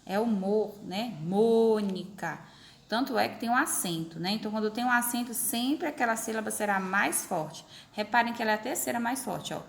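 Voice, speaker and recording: Woman teacher, patient, drawn-out example words, faint hiss behind. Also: on the high side, creaky. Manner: patient, repeats examples slowly, stretches syllables. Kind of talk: recorded remote class explanation.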